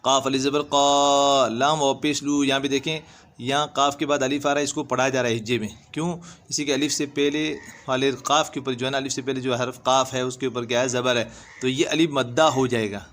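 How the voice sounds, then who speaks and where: A man teaching Quran reading, spelling each letter and vowel sign, then drawing out the syllables in a slow, patient lesson. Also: medium pitch, steady tone, fairly bright tone, a little hiss or hum. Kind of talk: step-by-step recitation lesson. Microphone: voice-over over screen recording.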